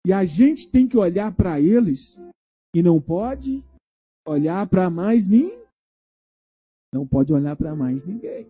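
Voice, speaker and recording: A man's voice: high-pitched, slow, long pauses, soft background music. A male pastor giving a children's sermon in a church, retelling a story and asking the children questions as he goes. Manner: animated, asks the children questions.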